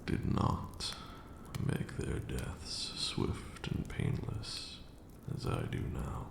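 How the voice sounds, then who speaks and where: In a slow ASMR roleplay monologue, a man plays an ancient vampire lord, cruel yet now weary, speaking in hushed, grandiose, measured archaic phrasing. The mood is grim and brooding, and his voice is very deep, gravelly, and hushed. The recording has a roomy echo and audible background noise.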